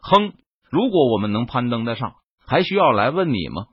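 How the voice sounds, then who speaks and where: A man's voice: medium pitch, sing-song, moderate pace, breathy edge, dry recording, muffled recording. A man voicing an arrogant, menacing young male sect senior disciple who talks coldly and threateningly. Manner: cold, threatening.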